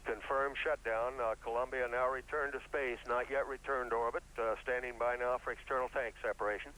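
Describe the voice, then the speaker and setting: A man's voice: mid-range voice, steady tone, a little fast, bright, forceful tone. A man giving matter-of-fact mission control radio commentary, calling out technical figures. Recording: faintly noisy radio feed.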